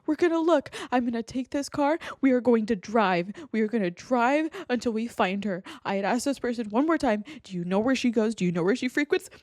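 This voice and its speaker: A woman's voice: fairly high pitch, expressive, brisk, hardly any pauses, darkish tone, no echo, studio quality. A young woman venting in an emotional personal monologue, exasperated and insistently repeating her phrases.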